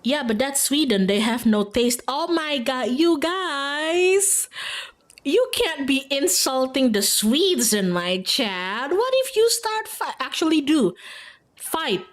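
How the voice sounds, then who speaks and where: Playing a visual novel on a livestream, this woman from Indonesia talks in a loose, giggly way, filling her speech with "like." She speaks slowly in a high-pitched voice with big swings in pitch.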